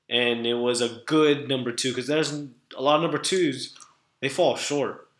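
A man talks movies in a casual, excited way, often restarting his sentences. His voice is bright and ringing. The room around him is echoey. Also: mid-range voice.

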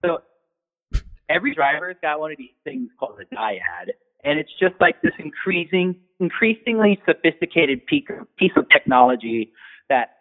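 A man telling a rambling, animated work story in casual chat, full of fillers and restarts. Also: on the high side, normal speed. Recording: tinny phone-like sound.

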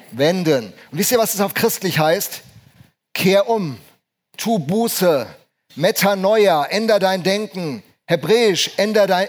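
A man in his fifties, a pastor preaching a sermon with emphasis and often putting questions to the congregation. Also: high voice.

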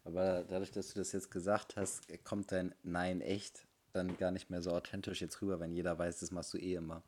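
Young man, co-host, casual chat, low voice, teasing, rambling. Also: little pitch movement, a little fast, a little mellow, a little hiss or hum. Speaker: podcast co-host.

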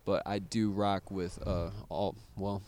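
A man's voice: deep voice, flat delivery, takes it slowly, crowd noise. A man hosting a casual music chat, laid-back and rambling, full of fillers and restarts. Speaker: podcast host.

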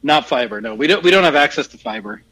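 Animated, pushed and bright, a medium-pitched male podcast co-host chats casually. He rambles and halts, revising himself as he talks, and the audio resembles a phone call on a weak internet link.

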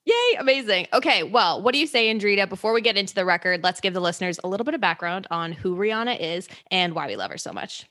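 A woman's voice: mid-range voice, big pitch swings, fast talker, few pauses, pushed and bright, no room sound, studio quality. A woman hosting a casual music podcast over cocktails, bubbly and enthusiastic. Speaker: podcast host. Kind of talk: casual chat over drinks.

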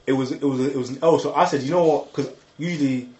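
Young man, excitable, slangy, casual storytelling, roomy sound. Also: medium pitch, quick pace, dull audio. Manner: excitable, slangy, repeats words, laughs often.

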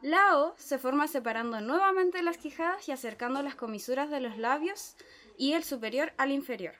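Woman as a pedantic male tutor, methodical, slightly high voice, dramatic reading. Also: lively intonation, normal speed, a bit bright. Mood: instructive. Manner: methodical, explanatory. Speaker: reader playing a tutor.

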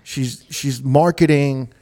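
A man hosting a podcast, chatting casually and teasing his guest in a relaxed way. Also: mid-range voice, slow pace. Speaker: podcast host.

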